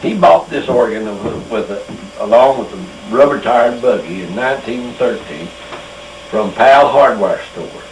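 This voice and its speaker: An older man, telling family memories in a slow, halting, emotional way. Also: fairly low pitch, lively intonation. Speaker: storyteller. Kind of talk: casual reminiscing. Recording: echoey room with noise.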